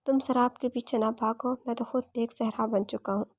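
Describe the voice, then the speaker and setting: Casting: a woman reading a tired, duty-bound husband, steady high read. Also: normal speed, no echo, studio quality. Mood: weary, firm. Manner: read plainly in the narrator's voice. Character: weary married man, calm and dutiful.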